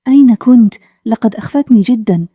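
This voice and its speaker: An emotional, doting village wife who speaks with emphasis, as a woman storyteller puts her on. Her voice is fairly high and very dark and mellow. The sound is close and dry. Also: fast, dry recording, lightly acted. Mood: emphatic.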